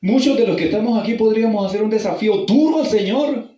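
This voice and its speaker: Man preaching, mellow voice, dynamic delivery from hushed to loud, calls listeners brother, heard from a distance. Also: quick pace. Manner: addresses listeners directly as brother, asks them questions; swings from hushed and low to loud and high when reading scripture. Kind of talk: evangelistic sermon with personal story. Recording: roomy, distant mic.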